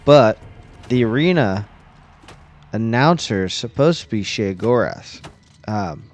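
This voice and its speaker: A man's voice: medium pitch, animated, takes it slowly. A man giving casual game commentary in an offhand way, with playful muttered asides. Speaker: gameplay commentator.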